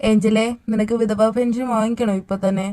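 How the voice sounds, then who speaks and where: A woman's voice: on the high side, fast talker. Teasing woman narrating a fan drama. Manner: teasing, lively. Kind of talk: casual storytelling with banter.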